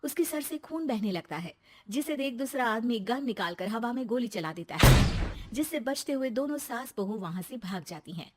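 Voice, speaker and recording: A woman's voice: a little high, animated, normal speed, heavy background noise. A woman narrating a scripted children's story in the present tense.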